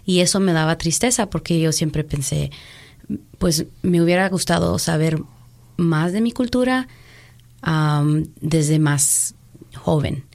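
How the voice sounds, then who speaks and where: Woman, group leader and teacher; low, gravelly, unhurried, hesitant delivery, mixes in English. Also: a little mellow. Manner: hesitant, many fillers, slips into English words. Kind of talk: casual interview talk. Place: Chicago.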